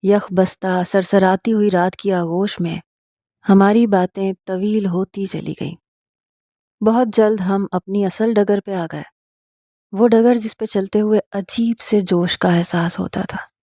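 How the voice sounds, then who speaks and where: Woman reading a romance novel, calm storytelling, mellow voice, dry close mic. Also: medium pitch, no room sound. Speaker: audiobook narrator.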